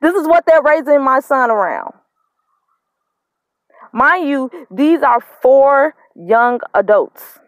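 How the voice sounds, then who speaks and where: A woman in her thirties speaks to her viewers at a slow, deliberate pace, her voice sitting a little high. She sounds frustrated and close to tears, and she keeps repeating her points for emphasis. The recording is dry, with no room echo. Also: animated. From not from Mississippi, lived up north. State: emotional, holding back tears, smoking. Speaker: mother telling her custody story. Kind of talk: casual direct-to-camera vlog.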